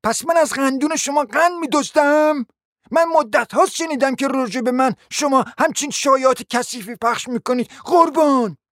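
A reader voicing a quarrelsome provincial lady who shrieks high, shrill accusations, in a dry close recording. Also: dry recording. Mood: indignant.

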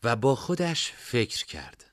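A man narrating a fantasy story in expressive storytelling style. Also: mid-range voice, dry recording, studio quality.

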